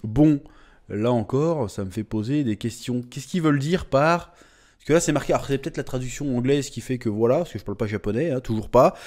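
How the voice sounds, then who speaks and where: Guy doing a chatty manga news video, warm mellow voice, hams it up big, lots of euh, pretty blunt. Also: medium pitch, expressive, a little fast. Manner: exaggerated, mock-dramatic emphasis. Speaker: host of a manga channel. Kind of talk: casual manga news commentary.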